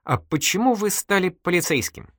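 A man's voice: sits high, sing-song, normal speed, fairly bright tone, no echo, clean studio sound, pitched above the performer's own voice, exaggerated voice. A man voicing a mischievous, giggly young woman in an audiobook, teasing and exclamatory. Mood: playful. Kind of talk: audiobook character voice.

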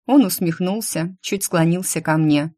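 A woman narrating a first-person audiobook in a soft, intimate, expressive reading voice. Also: on the low side, unhurried.

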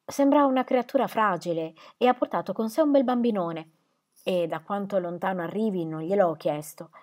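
A woman reading an audiobook, voicing a hurried, agitated male servant with a hoarse voice. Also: mid-range voice, darkish tone, lightly acted.

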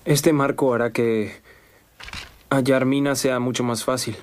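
An actor playing an earnest captive soldier in a Latin American Spanish film dub, addressing a superior with deferential insistence. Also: male voice, mid-range voice, steady tone, unhurried, close to an everyday voice. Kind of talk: dubbed film acting.

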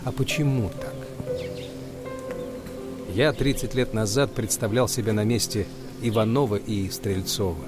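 A man's voice: lowish voice, fairly even intonation, unhurried, long pauses, over music, lightly acted. An actor playing a middle-aged football coach, stern but fatherly, in film dialogue. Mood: reflective, earnest.

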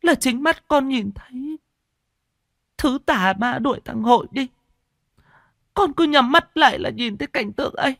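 A man's voice: extremely high pitch, a bit bright, no room sound, studio quality, pitched above the performer's own voice, exaggerated voice. A man voicing a frightened young village woman who sobs and trembles as she talks, in a told ghost story. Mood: distraught sobbing. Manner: sobbing, trembling, halting.

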